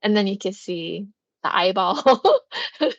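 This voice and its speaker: A woman's voice: medium pitch, expressive, takes it slowly, vocal fry, no room sound. Woman, co-host, casual chat, filler-heavy, muffled, dry. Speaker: co-host, comics sales.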